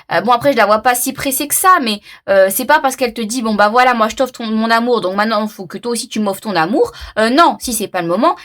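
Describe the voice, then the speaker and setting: A woman's voice: a little high, fairly bright tone. A woman giving a casual oracle card reading to her viewers, thinking aloud with many fillers and restarts. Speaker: tarot reader.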